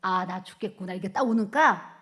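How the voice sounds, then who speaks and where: A woman's voice: medium pitch, moderate pace, a bit bright. A woman pastor giving a testimony sermon, telling her story vividly and acting out the quoted speech.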